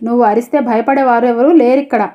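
A woman's voice: a little high, steady tone, quick pace, dull audio, close to an everyday voice. A woman reading a storybook, voicing a principled, caring young woman who gives firm, cutting rebukes. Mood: stern.

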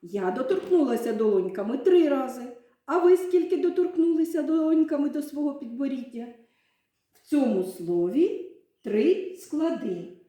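A woman's voice: high-pitched, expressive, moderate pace, warm tone. A woman teaching young children a literacy lesson, patiently stretching out words to show their syllables. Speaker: primary school teacher. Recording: very echoey room.

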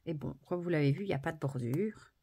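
Soft-spoken woman reading oracle cards. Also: sits low, fast talker, slightly rough. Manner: gentle, admiring, reads the booklet aloud. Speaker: oracle card reader.

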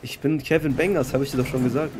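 A man trolling other players in a game role-play, talking in brash, mocking banter with loud outbursts. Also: medium pitch, steady tone, quick pace, a loud crowd.

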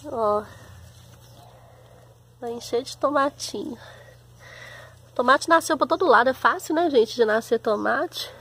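A woman's voice: fairly high pitch, animated, measured pace, long pauses, a bit bright, slight background noise. Chatty Brazilian woman showing her garden. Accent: Brazilian Portuguese. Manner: chatty, homely, often calls out to her viewers. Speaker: home and garden vlogger. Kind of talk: casual chat to viewers. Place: home backyard garden, outdoors.

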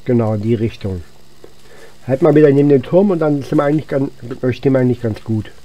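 A gaming video host gives casual let's-play commentary on a game he is playing, thinking aloud in an unhurried way. His mid-range voice has a very dark, mellow, soft-edged and muted tone, and the audio is dull.

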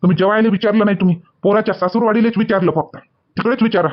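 Brief: man as an offended young son-in-law, Varhadi accent, high and fast, dull lo-fi sound. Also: close to an everyday voice. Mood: aggrieved. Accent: Varhadi Marathi. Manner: shouting, repetitive scolding. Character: touchy young son-in-law, angry, feels slighted.

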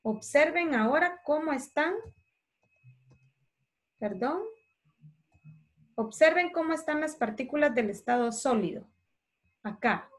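A woman teaching a primary class over a video call, patient and affectionate, dictating words slowly and clearly. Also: high-pitched, expressive.

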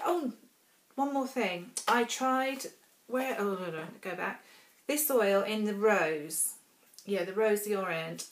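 A middle-aged woman chatting casually through a product review, rambling with friendly asides. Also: fairly low pitch. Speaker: beauty vlogger. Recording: roomy echo.

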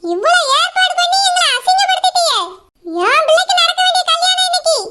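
A woman's voice: very high-pitched, brisk, heavy background noise. A woman playing a furious middle-aged village mother, scolding with a Kanyakumari accent. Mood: enraged. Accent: Kanyakumari Tamil. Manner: shouting, accusing, scornful. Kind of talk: village web series acting.

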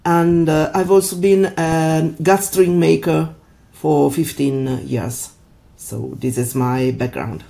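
Italian woman, italian accent, gravelly voice, guest on a video call, pauses for words. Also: low-pitched, fairly even intonation, dark tone. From Italy. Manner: searching for words in a second language. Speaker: guest, violin maker. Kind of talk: interview answers. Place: home in the mountains.

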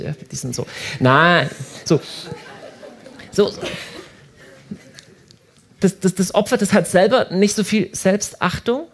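A man giving a lively talk to a live audience, animated and often repeating himself as he restarts sentences. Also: a little high, slightly rough. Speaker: speaker at a prayer house.

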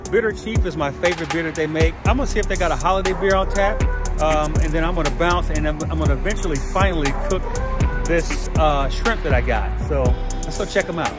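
A middle-aged man talks to his camera in a relaxed, chatty way, stumbling and restarting as he goes. His voice sits a little high, and the room rings around him. Music plays in the background. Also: brisk, reverberant. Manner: easygoing, chatty, with fillers and restarts. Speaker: host of a cooking and brewing channel. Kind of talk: casual vlog talk. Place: outdoors on the street, then a home kitchen. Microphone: camera held at arm's length.

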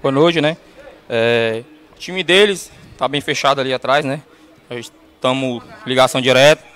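A young man, a footballer answering an interview outdoors on the pitch into a handheld mic. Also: moderate pace, a bit bright. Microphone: reporter's handheld microphone.

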